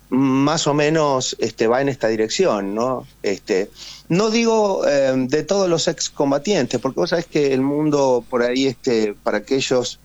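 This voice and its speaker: Here the same kind of guest, an Argentine-accented man who is a war veteran and writer, talks loosely on a radio phone interview, full of fillers, pauses, and tag questions. His mid-range voice is a little mellow, heard through a dry, muffled recording.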